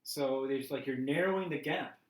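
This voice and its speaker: A man with a mid-range voice and a moderate pace teaches a class in a chatty way, laughing as he acts out everyday scenes as examples. It's casual teaching talk, recorded from a distance in a roomy space.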